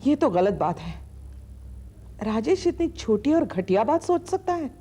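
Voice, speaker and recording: A woman's voice: high voice, very animated, a little slow, dark tone, exaggerated voice. An actress playing a firm, protective old grandmother in a TV serial drama, scolding in a motherly way. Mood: stern. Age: older. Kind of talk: TV serial acting. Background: background music score.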